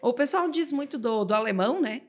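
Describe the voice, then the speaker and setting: A woman's voice: fairly high pitch, animated, a little fast. A woman, a podcast guest, chatting casually and telling stories with frequent laughs. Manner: chatty storyteller who laughs often.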